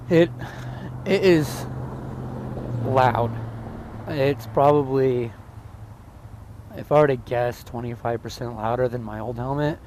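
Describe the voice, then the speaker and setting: A man's voice: mid-range voice, a little mellow. A man chatting casually as he gives a spoken gear review from inside a motorcycle helmet while riding. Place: outdoors on a moving motorcycle. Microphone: mic inside a helmet. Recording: helmet mic with clear traffic and vehicle noise. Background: vehicle and road noise.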